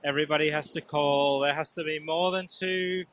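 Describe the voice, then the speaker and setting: A man's voice: on the high side, fairly even intonation, moderate pace, a bit bright. A man, calling from the roadside, rambling and forgetful about why he called. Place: roadside outdoors. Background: road noise.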